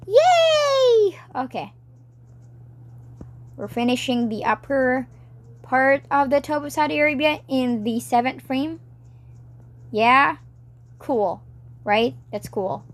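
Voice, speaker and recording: A woman talking to herself while animating on a tablet, rambling, cheering herself on and breaking into excited outbursts. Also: high voice. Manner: rambling, self-encouraging, chatty with sudden excited outbursts. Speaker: animator narrating her work. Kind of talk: casual talk while drawing.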